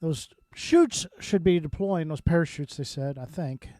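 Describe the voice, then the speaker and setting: A man's voice: on the high side, measured pace, a little mellow, dry recording. A man chatting casually and muttering as he reacts live to a broadcast he is watching. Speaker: livestream viewer reacting to the broadcast.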